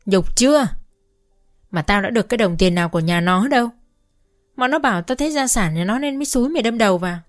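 This is a foul-mouthed older village mother-in-law who scolds and wails with abuse, put on by a woman narrator. She speaks at an ordinary pitch. The character comes from a spoken storybook. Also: brisk, long pauses, soft background music, close to an everyday voice. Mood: angry scolding. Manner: crude, abusive shouting.

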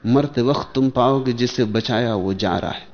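Gravelly man giving a spiritual discourse. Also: medium pitch. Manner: measured, in short phrases with pauses and rhetorical questions. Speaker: spiritual teacher. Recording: dull lo-fi archival lecture tape.

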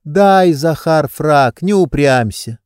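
A man voicing a weary, idle gentleman who sounds tired and fretful, raised a little above his own voice, in an audiobook reading. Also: on the high side, expressive, takes it slowly, clean tone, no room sound, studio quality, pitched above the performer's own voice.

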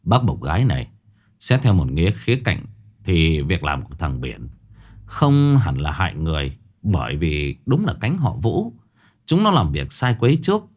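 A man voicing a calm young village man who lays out his reasoning earnestly in a storybook ghost tale. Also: low-pitched, normal speed, pitched below the performer's own voice, exaggerated voice. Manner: earnest, explaining.

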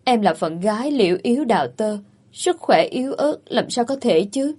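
In this storybook reading, a woman voices a crafty young woman who puts on a pleading, tearful act. The voice has a husky, breathy edge and sits at an ordinary pitch. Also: animated, moderate pace, mellow. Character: young woman, sly, plays the pitiful victim.

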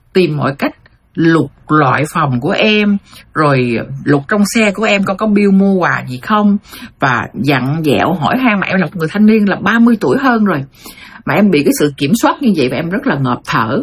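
A middle-aged woman hosting a show, retelling a listener's life story to her audience in a lively storytelling monologue. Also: low voice, breathy edge. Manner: addresses audience as "thưa quý vị", animated retelling.

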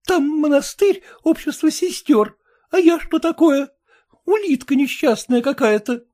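A woman's voice: expressive, a little slow, mellow. A woman voicing a young tearful wife in a storybook reading, sobbing and accusing. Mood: tearful reproach. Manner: sobbing, accusing, high-strung. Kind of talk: audiobook reading.

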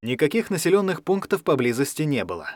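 Male audiobook narrator, mid voice, measured scripted reading, dry studio. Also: on the high side, very animated, a little mellow, no room sound. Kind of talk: scripted narration of a science fiction story.

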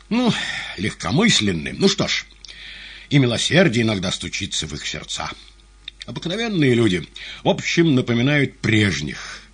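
A lordly masked magician, played by a male reader, speaks slowly and thoughtfully in a low, husky voice. His tone is measured and commanding. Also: exaggerated voice.

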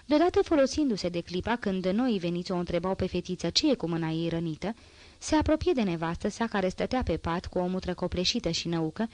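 A woman narrating a novel as an audiobook, reading in a steady, even way. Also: on the low side, no room sound.

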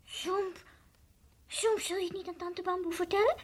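A woman's voice: fairly even intonation, moderate pace. [name], a woman playing a tiny toy dog. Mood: pleading. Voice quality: high childlike voice, drops to whispers. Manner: earnest, confiding storytelling. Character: small timid toy dog, childlike. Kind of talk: 1960s radio drama acting.

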